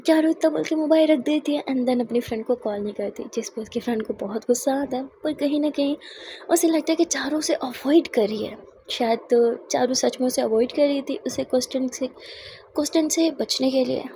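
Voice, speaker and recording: A woman narrating a romance story with a high, mellow voice. She reads in a conversational manner and adds casual asides of her own. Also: fairly quick, slight background noise.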